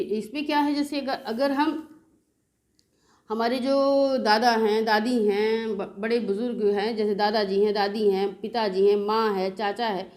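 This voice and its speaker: A woman's voice: a little high, a little mellow. A woman with an Indian English accent teaching a beginners' spoken English class, patiently explaining and asking rhetorical questions. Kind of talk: classroom lesson explaining in Hindi.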